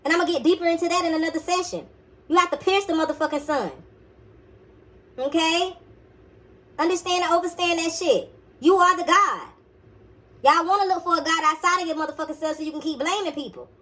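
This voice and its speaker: A woman's voice: very high-pitched, a little fast, long pauses, a bit bright. A woman giving a blunt, profane motivational sermon to her listeners, casual and slangy, repeating her commands with emphasis. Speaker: spiritual teacher.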